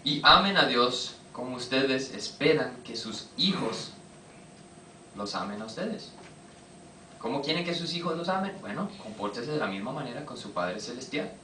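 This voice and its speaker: A man preaching a sermon, firing quick questions at his congregation. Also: medium pitch, lively intonation, pushed and bright, a little hiss or hum. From Costa Rica. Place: church hall. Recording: echoey hall, voice from a distance.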